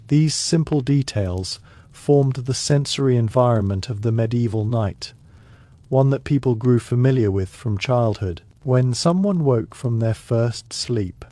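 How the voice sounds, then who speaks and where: Male narrator for sleep history: mellow, very slow, monotone reading with barely any word stress. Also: medium pitch, no room sound.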